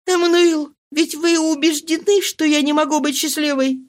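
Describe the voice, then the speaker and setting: A woman's voice: high voice, steady tone, normal speed, pitched above the performer's own voice, lightly acted. A woman reading a novel aloud, voicing a remorseful young wife who pleads tearfully with her husband in a heightened, imploring way. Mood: pleading, anguished.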